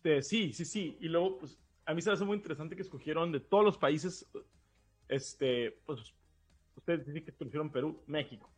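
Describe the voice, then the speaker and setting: A man's voice: a little high, normal speed, husky, faint music behind. A man from Baja California with a northern Mexican accent, talking casually as a podcast co-host. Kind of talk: casual conversational discussion.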